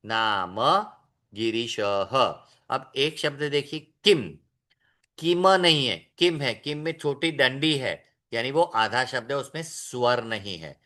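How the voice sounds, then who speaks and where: A man leads an online language lesson with slow, unhurried delivery. His voice is bright and pushed forward as he drags out sounds to model their pronunciation. He drops English phrases in as he talks, and the sound comes through a video call. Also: mid-range voice, lively intonation. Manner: slow, drawn-out demonstration of pronunciation. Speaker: Sanskrit teacher.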